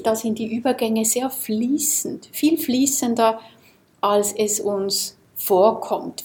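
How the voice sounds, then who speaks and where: Woman, Swiss-born, meditation teacher, calm reflective dharma talk, slow pace. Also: a little high. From Switzerland. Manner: calm, reflective, asks the listeners questions. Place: seminar room.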